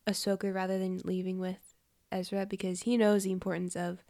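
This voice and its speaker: A young woman co-hosting a podcast, backing up her partner with frequent affirmations and calm, thoughtful remarks. Her pitch is middle range and the sound is close and dry. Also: a little fast, no echo. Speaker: podcast co-host. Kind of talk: casual review chat.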